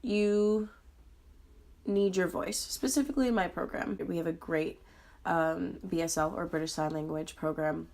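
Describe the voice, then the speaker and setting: A young vlogger in her twenties, sick and hoarse, shares her struggles earnestly at a fairly low pitch. She often pauses and uses lots of ums along the way.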